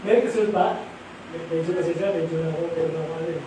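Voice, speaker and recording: Racing along at a fairly high pitch, an older or middle-aged preacher blends English into his Tagalog sermon and keeps posing rhetorical questions to listeners. The recording is distant and echoey, with faint noise.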